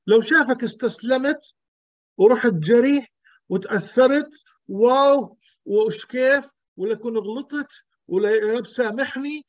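Pastor guy preaching hard, high voice, dry close sound, keeps firing questions. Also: measured pace, no room sound. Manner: emphatic, with rhetorical questions and repetition. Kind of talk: sermon teaching.

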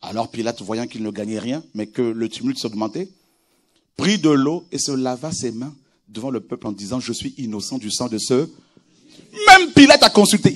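A man preaching a sermon with animated delivery, moving from quiet scripture reading to shouted exclamations. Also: medium pitch. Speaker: pastor.

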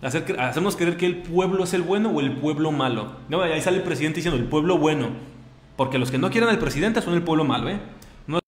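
A man's voice: a little high, lively intonation, fast talker, echoey room. A man with a Mexican accent hosting a live online show, ranting indignantly in casual slangy speech. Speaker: online radio show host. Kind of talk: casual live-stream commentary.

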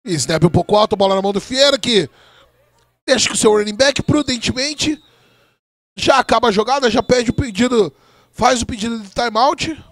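A man's voice: extremely high pitch, moderate pace, fairly bright tone, no room sound. A Brazilian man giving informal, chatty live commentary on an American football game.

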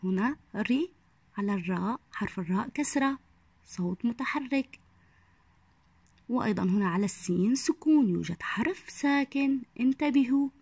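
A young woman teaches a phonics lesson to small children, stretching each sound out slowly and whispering her praise. Her voice sits fairly high. The recording is dry and close, with no room echo. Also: expressive, breathy edge. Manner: drawn-out syllables, soft whispered praise. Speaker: primary school teacher.

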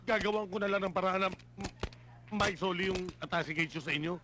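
A man playing an eager, bumbling male police officer in a slapstick comedy, loud and excitable. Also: high voice, normal speed, noisy background, lightly acted.

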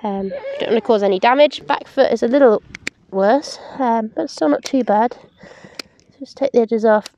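A woman's voice: fairly high pitch, moderate pace, dark tone, slight background noise. Young woman livestock keeper explaining farm work. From England. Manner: practical, explains while working, frequent "um". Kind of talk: casual farm demonstration. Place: outdoor paddock and large open farm barn.

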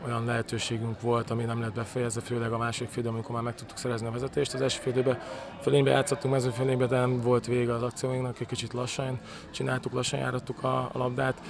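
A man in his thirties, a head coach, giving a measured post-match interview outdoors. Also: mid-range voice, completely flat delivery, vocal fry. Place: outdoors by athletics track. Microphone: handheld interview microphone. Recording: outdoor interview, crowd noise behind.

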